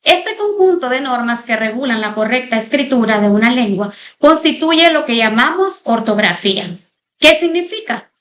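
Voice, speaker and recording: A woman's voice: fairly high pitch, expressive, fairly bright tone, lo-fi sound. Woman teacher giving a recorded lesson. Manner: formal, explanatory, addresses students directly; pauses to spell out example words slowly. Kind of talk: recorded online class lecture.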